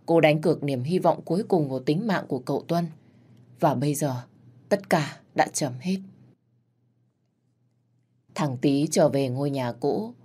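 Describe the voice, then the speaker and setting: A woman reading a dramatic audiobook story in a measured storytelling manner. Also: deep voice, warm tone, husky. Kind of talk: scripted audiobook narration. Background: faint background music.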